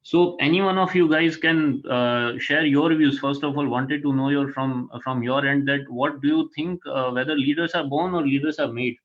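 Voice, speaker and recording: A native Gujarati speaker with a Gujarati Indian accent, this man is a corporate HR manager guest-speaking to students over an online video call. His mid-pitched, steady voice delivers an informal, halting lecture, often checking in with "right?" and "fine". The audio is dull and lo-fi.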